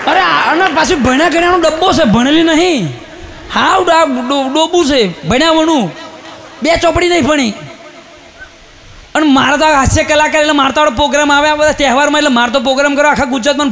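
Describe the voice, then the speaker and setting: A Gujarati-accented man tells a comic story to a live crowd, with a very high voice that he pushes into shouts on the punchlines. He jumps between characters and keeps the energy up, and a faint murmur of the audience sits behind him. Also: brisk. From Gujarat, India. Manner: animated, shouts punchlines and acts out quoted voices. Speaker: stand-up comedian.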